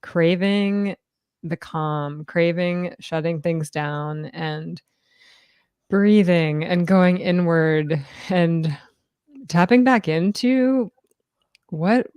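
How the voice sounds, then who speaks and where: Slow-talking, lower-voiced woman co-host. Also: clear, resonant tone, dry recording, clean studio sound. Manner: calm and thoughtful, with warm laughs. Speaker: podcast co-host. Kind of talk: casual conversation.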